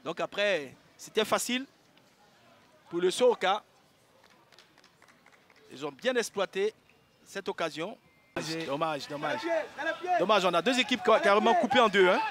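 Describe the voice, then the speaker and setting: High-voiced man analysing a football match. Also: lively intonation, a little slow, long pauses, fairly bright tone, a little hiss or hum. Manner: conversational, repeating words and phrases. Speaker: football co-commentator.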